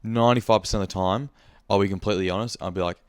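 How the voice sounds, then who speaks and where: A man's voice: lowish voice, fairly even intonation, very fast, smooth, no room sound, clean studio sound. A young man with an Australian accent, hosting a podcast in a casual, rambling monologue, speaking frankly and swearing freely. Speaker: podcast host.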